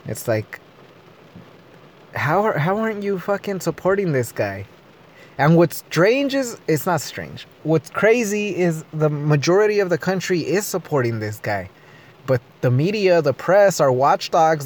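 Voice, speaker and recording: A man ranting in a vlog, agitated, swearing and rambling. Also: on the high side. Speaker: vlogger. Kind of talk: profane personal rant.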